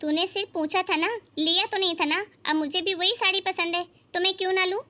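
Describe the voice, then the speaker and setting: A woman's voice: very high-pitched, fairly even intonation, fairly quick, pushed and bright. A woman voicing a proud, suspicious elder daughter-in-law who looks down on her younger rival. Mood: haughty. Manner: haughty, suspicious, gossiping.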